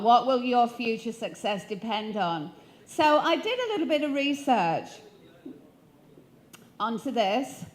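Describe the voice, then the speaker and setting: Lively woman speaker. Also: a little high. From Sheffield, northern England. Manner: lively, quizzes the audience with questions. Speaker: motivational speaker. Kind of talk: keynote talk to a live audience. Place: stage before an audience. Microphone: handheld microphone.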